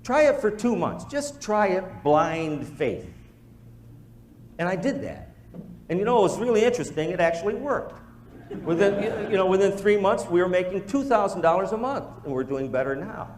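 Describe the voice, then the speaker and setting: Animated man telling stories to a group. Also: high-pitched, normal speed, echoey room, a little hiss or hum. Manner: storytelling, animated, acts out quoted dialogue. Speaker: business presenter. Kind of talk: motivational talk to a live group.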